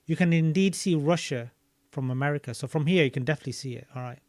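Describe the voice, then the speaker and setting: A man casually reading a book aloud and commenting on it, thinking out loud as he looks things up. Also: on the high side, fast talker, no room sound, studio quality. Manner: thinking aloud while searching maps and videos, loose and chatty.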